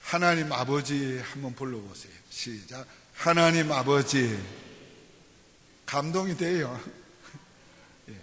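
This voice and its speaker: A male pastor preaching a sermon, asking the congregation questions and answering himself, dropping slow and low for scripture and prayer. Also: lively intonation, fairly bright tone, long reverb tail. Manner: call-and-response preaching, repeated "예" and questions to the congregation. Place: church sanctuary.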